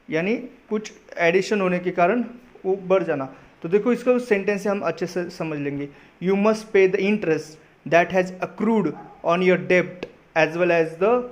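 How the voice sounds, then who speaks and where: A young man from India teaching vocabulary for exams, explaining patiently in Hindi, spelling out words letter by letter and reading example sentences slowly. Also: sits high, darkish tone. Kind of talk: exam-prep vocabulary lesson.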